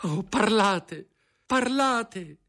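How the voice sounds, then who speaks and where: A man's voice: sits high, animated, very slow, pushed and bright, voice pushed up, exaggerated voice. A man voicing a distraught young woman in an audiobook reading, pleading and tearful. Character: anguished young woman, devoted and dutiful.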